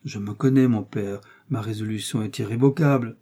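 A man's voice: fairly low pitch, moderate pace, warm tone, close to an everyday voice. A man voicing a vain, devout young musketeer who speaks politely and modestly. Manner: polite, smooth and modest-sounding.

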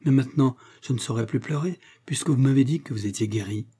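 A man's voice: mid-range voice, steady tone, moderate pace, warm tone, close to an everyday voice. A man voicing a grieving, grateful male shark-man sea creature in a storybook reading, with earnest, dignified speech. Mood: reproachful.

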